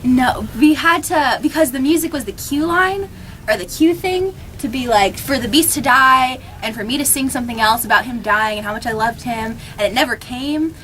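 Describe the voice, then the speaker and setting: A teenage girl with a high voice tells stories in a chatty, animated way. Faint noise sits behind her. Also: normal speed. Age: teens. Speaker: high school actor. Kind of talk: casual interview.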